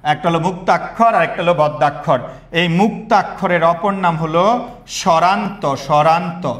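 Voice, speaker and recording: A young man teaching an online admission class, energetic and quizzing students with repeated questions. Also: a little high, moderate pace, echoey room.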